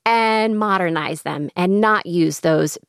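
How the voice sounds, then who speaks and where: A woman's voice: on the low side, slow pace, creaky, smooth, dry recording, clean studio sound. A woman from the Midwest with a Chicago accent, chatting enthusiastically as a cookbook author in a radio interview. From American Midwest. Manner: enthusiastic, chatty, laughs often.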